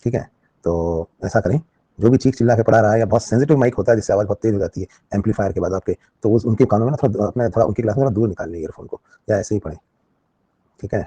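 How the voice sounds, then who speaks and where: A fast-talking man leads an online biology lesson and keeps checking in with his listeners. His voice is low, dark and a little husky. It was recorded close to the mic in a dry room. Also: no echo. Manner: explains with everyday examples and frequent check-in questions. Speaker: biology teacher. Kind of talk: live online class lecture.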